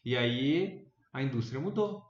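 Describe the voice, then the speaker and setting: A man with a Brazilian accent making his points in a casual debate, thinking aloud with restarts and sudden animated rises in pitch. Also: unhurried. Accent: Brazilian Portuguese. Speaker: debate panelist. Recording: echoey room, dull lo-fi sound.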